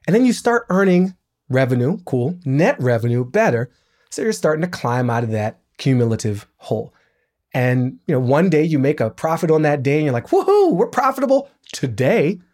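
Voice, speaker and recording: A middle-aged man speaks as a podcast guest, his voice at an ordinary male pitch. He explains with lively emphasis, pushing up on the lines that matter. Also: normal speed. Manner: animated, emphatic explaining with business analogies. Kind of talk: podcast interview.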